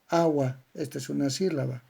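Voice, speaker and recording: A man with a Bolivian accent lectures like a patient teacher, listing sounds and syllables one at a time. His voice is dark and gravelly, a little higher than most men's, and he talks very slowly. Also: fairly even intonation. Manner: spells out syllable patterns slowly, word by word. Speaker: language teacher. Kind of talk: slow didactic lecture on grammar.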